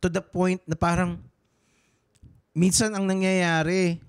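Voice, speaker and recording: A man's voice: high-pitched, flat delivery, slow pace, clear, resonant tone. A man with a Filipino accent co-hosting a podcast, talking casually in a rambling, hesitant way with many fillers and restarts, switching between Tagalog and English. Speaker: podcast co-host. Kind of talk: casual chat.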